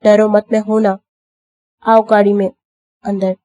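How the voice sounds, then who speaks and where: A woman voicing a young husband in a scripted audio novel reading, speaking softly and affectionately. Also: medium pitch, level tone, lightly acted. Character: young man, teasing protective husband.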